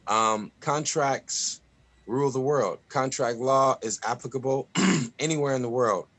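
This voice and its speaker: Man, mid pitch, emphatic and preachy, talks over a group call. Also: unhurried, fairly bright tone. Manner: emphatic, preachy, repeats phrases.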